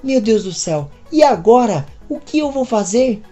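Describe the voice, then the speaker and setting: A woman's voice: on the high side, lively intonation, normal speed, dark tone, faint music behind, voice pushed up, lightly acted. A woman voicing an upset young married woman who speaks anxiously and pleadingly. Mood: distressed.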